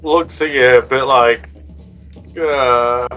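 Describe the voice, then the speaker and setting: A man narrating casually as game master, often halting and correcting himself. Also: mid-range voice, fairly even intonation, bright, forceful tone, dull audio, faint music behind.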